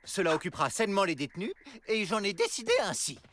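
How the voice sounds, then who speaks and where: A man's voice: high voice, animated, quick pace, fairly bright tone, a little hiss or hum. A man voicing a pompous, self-important prison director in a cartoon.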